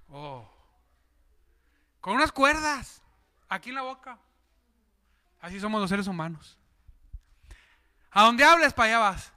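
A man's voice: high-pitched, smooth. A man preaching a sermon, joking and putting questions to the congregation. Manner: lively, jokes and asks the congregation questions.

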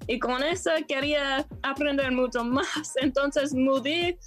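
A high-voiced woman with a clear American accent speaks Spanish as a second language, her first tongue being English. She talks very slowly and carefully, pausing to hunt for words as a podcast guest. Faint music sits behind her. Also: fairly even intonation. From United States. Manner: slow, careful, searching for words. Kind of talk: casual chat in learned Spanish.

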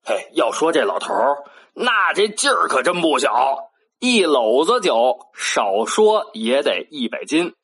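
A storyteller with a Beijing accent telling an old folk tale in a lively way, with playful asides and spoken sound effects. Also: medium pitch, a little slow, slightly rough.

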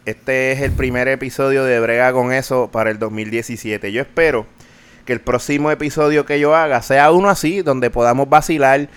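A man's voice: medium pitch, steady tone, normal speed, clean tone. A young man with a Puerto Rican accent hosting a podcast, ranting animatedly, swearing and mixing English into his Spanish. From Puerto Rico. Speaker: podcast host. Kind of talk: casual podcast chat.

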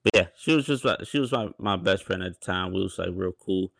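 Young man, deep voice, casual storytelling, laid-back, colloquial, dry recording. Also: fairly quick, creaky, fairly bright tone, no room sound.

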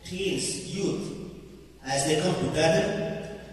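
A male priest recites prayers slowly and solemnly to a gathered group. His voice rings with a long cathedral echo, picked up from far off. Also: high voice. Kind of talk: leading congregational prayer. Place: large echoing room with a gathered group. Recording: cathedral-like echo, distant mic, crowd.

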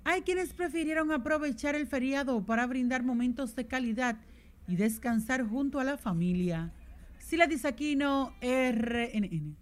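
High-pitched woman reporter. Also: moderate pace. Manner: even, formal reporting voice-over. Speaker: field reporter. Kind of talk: scripted news report.

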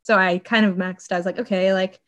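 A young woman co-hosting a podcast, chatty and bubbly with quick asides. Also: fairly low pitch, steady tone, a bit bright. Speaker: podcast host. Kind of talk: casual chat.

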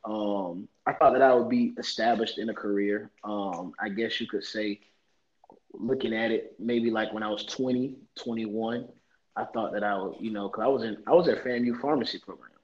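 A man's voice: lowish voice, steady tone, moderate pace. Man in his 20s, podcast co-host, easygoing teasing delivery, dull lo-fi recording. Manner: joking, teasing, laid-back. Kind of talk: casual chat.

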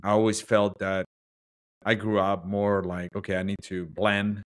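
A man's voice: on the low side, little pitch movement, measured pace, clean tone. A man hosting an interview, speaking earnestly and agreeably while sharing his own story. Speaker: podcast host. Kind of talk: conversational interview.

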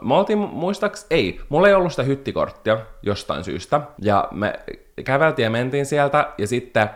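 A young man in his twenties, casually co-hosting a podcast, telling stories animatedly, with sudden high jumps in his voice when he gets excited. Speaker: podcast co-host. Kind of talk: casual chat.

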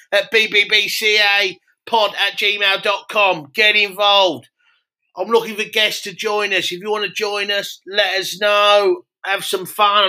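A man voicing a brash, foul-mouthed middle-aged country pub landlord who talks loud and boastful in a comedy podcast. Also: high-pitched, pitched above the performer's own voice. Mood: chirpy. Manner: boastful, loud, swears a lot. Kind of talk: comedy podcast character monologue.

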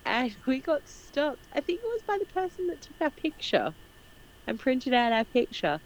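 A woman chatting casually with her partner, telling a lively holiday story and laughing often. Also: sits high, moderate pace, slight background noise, rough recording. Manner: loud, self-described as not quiet. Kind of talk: casual chat.

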